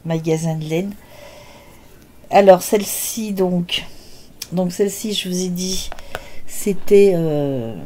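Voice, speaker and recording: A woman's voice: lowish voice, dark tone, a little hiss or hum. An older woman hosting a knitting podcast, chatting casually and hesitantly with lots of filler sounds as she shows her work. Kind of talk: casual show-and-tell chat.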